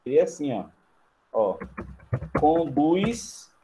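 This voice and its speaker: A Brazilian man teaching grammar to a class in a slightly high voice. He works through each step while writing on a board. He keeps turning to the students to check that they follow. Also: sing-song, drawn-out words, mellow. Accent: Brazilian Portuguese. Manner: writes on a board while talking. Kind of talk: grammar lesson.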